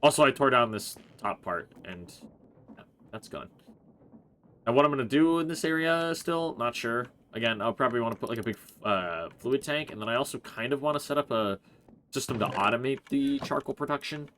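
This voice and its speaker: A man hosting a Let's Play, chatting through his gameplay in a relaxed, rambling way, thinking aloud with plenty of "uh" and "like". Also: medium pitch, a little fast, slight background noise. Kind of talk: casual gameplay commentary.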